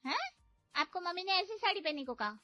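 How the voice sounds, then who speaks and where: Teasing cartoon sister-in-law, very high and giggly, a woman voicing her, music behind. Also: sing-song, fairly quick, bright, forceful tone, dry recording, exaggerated voice. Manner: giggly and surprised. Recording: slightly dull audio with background music.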